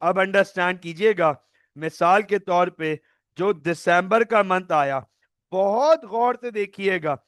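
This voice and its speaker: A man's voice: high voice, slow pace, fairly bright tone, no room sound, studio quality. A male accounting tutor giving an online lecture, playfully acting out scenarios and mixing in English terms.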